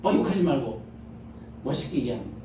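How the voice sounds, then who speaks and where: A man's voice: medium pitch, animated, fast, dark tone, a little hiss or hum. A male pastor preaching a Sunday sermon, acting out little scenes and asking the congregation questions. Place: large church sanctuary. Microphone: handheld mic. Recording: very echoey church hall, mic heard from a distance.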